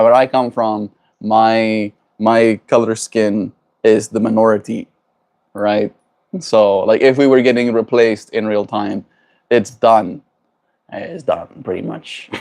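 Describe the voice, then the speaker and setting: This man's voice is fairly low in pitch with a darkish tone. He's a South African livestream host who responds to his viewers in a relaxed, reflective manner, frequently adding tag questions to his remarks.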